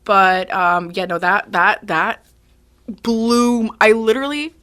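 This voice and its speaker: A woman's voice: medium pitch, takes it slowly, a bit bright. A young woman co-hosting a casual book podcast, chatty and rambling with lots of fillers and restarts. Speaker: podcast co-host. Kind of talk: casual chat.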